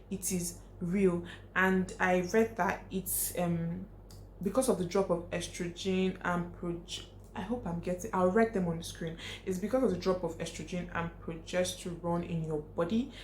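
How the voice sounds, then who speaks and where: A woman's voice: fairly low pitch, fairly even intonation, moderate pace, darkish tone. Frank young woman vlogger, echoey room. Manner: frank, emphatic, repeats points for stress. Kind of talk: casual advice talk to camera. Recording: echoey room, faint hiss.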